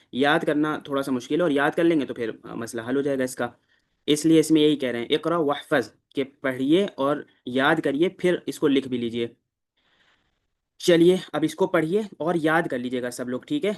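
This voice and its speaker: A man teaching a class in a fairly high voice. He explains each step slowly and with patience, as in an ordinary classroom lesson. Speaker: Arabic teacher.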